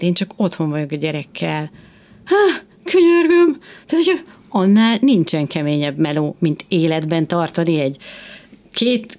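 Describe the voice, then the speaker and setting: A woman hosting a casual discussion, talking passionately and emphatically in quick bursts, a mother of two. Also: deep voice, vocal fry, darkish tone.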